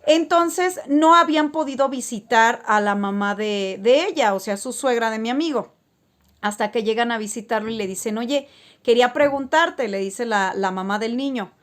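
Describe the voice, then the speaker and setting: A woman talks casually to camera, spinning stories for her viewers. Her voice sits slightly high, and she rambles along with plenty of fillers and false starts. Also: moderate pace. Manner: rambling, frequent filler words and restarts. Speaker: spiritual vlogger.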